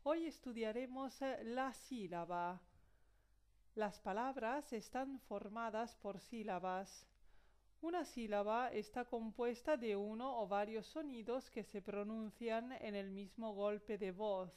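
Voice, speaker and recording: A woman hosting a scripted grammar lesson as a teacher, reading slowly and carefully and spelling out example words. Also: fairly high pitch, a little mellow, clean tone. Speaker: Spanish teacher.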